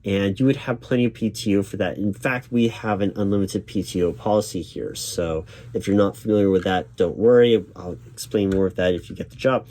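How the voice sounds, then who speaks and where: A man role-playing a job interviewer, reassuring and accommodating, halting and repeating his words as he goes. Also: on the low side, mellow. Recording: lo-fi, noisy, clacking keyboard typing. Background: computer keyboard typing.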